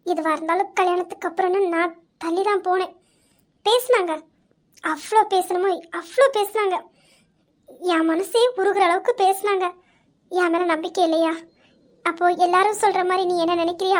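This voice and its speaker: Asha is a heartbroken young woman in an amateur audio drama, ashamed and full of self-blame, speaking in a very high, halting voice, as a woman acts her. She breaks off and restarts her lines as if close to tears. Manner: tearful, halting, self-blaming. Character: young woman, ashamed and despairing after betrayal.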